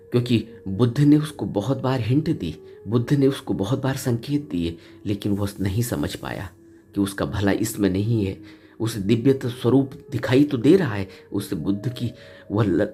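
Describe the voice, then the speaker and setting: Retelling a Buddhist teaching story, a man delivers a heartfelt Hindi dharma discourse over soft flute music. He stresses ideas by repeating phrases, and his voice climbs higher at the important moments.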